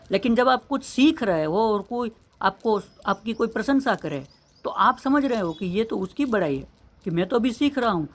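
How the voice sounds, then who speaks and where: Earnest man giving a motivational lesson. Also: sits high. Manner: earnest, with rhetorical questions and repetition. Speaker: English teacher.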